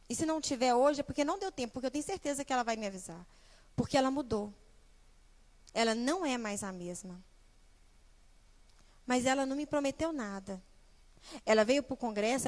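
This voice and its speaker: Young female preacher, high-pitched, lively delivery with questions to the congregation. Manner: animated, speaks directly to the congregation with rhetorical questions. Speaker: guest preacher and small-group leader. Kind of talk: sermon. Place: church.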